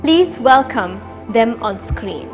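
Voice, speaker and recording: A woman's voice: on the high side, very animated, slow, creaky, loud music behind the voice. A woman reading formal scripted introductions as a conference host. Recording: reverberant hall sound.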